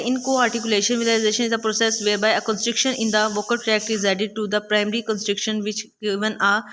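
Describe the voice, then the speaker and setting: Young woman w/ explaining a lesson, lots of fillers, slow when reading english, bit of hiss. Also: on the high side, fairly bright tone. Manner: explains step by step with many fillers, reads English text slowly; repeats "theek hai" to close each point. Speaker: online tutor. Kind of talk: casual recorded lecture.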